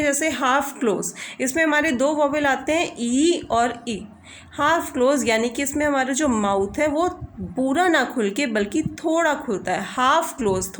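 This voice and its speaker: A woman slowly teaching English vowel sounds, stretching out each example. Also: high voice, a little hiss or hum. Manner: slow, patient, drawn-out demonstration of vowel sounds. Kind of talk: slow explanatory lesson over a screen recording.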